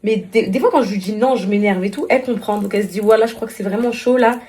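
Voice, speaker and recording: A woman's voice: medium pitch, quick pace, a little mellow. A tired young woman with a migraine, vlogging casually to her followers in a chatty, rambling way with many restarts and fillers. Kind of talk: casual vlog talk to followers.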